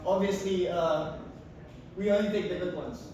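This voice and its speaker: A man giving an informal, halting hackathon demo. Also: sits high, fairly even intonation, a little mellow, muffled recording. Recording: echoey hall from far off, faint noise.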